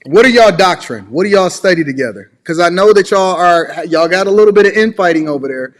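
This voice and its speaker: A man's voice: high voice, expressive, fairly quick. An American man hosting a call-in show, questioning his caller in a probing, persistent way and often cutting in.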